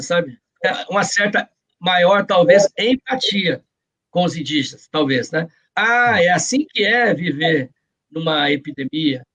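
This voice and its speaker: A journalist and author with a Brazilian Portuguese accent speaks earnestly in a reflective interview, explaining his views and often seeking agreement with short tags. His voice is high-pitched and fairly bright with a breathy edge.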